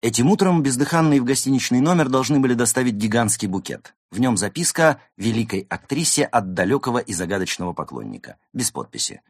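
A man voicing a calm, confident male fox who leads his friends. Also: mid-range voice, fast talker, hardly any pauses, slightly rough, no echo, studio quality, pitched above the performer's own voice. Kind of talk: audiobook character voice.

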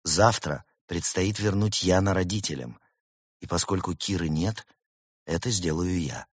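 A man's voice: low voice, a little slow, slightly rough, no echo, studio quality. Man voicing a brave young fox. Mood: thoughtful. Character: brave, quick-thinking male fox, young.

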